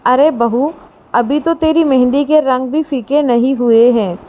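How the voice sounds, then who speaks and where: A woman voicing an affectionate older mother-in-law who coaxes her new daughter-in-law gently. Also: sits high, measured pace.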